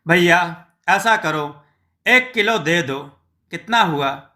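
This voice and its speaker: A man's voice: high voice, lively intonation, takes it slowly, pushed and bright, heavily acted. A man voicing a chatty village woman neighbor. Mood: friendly.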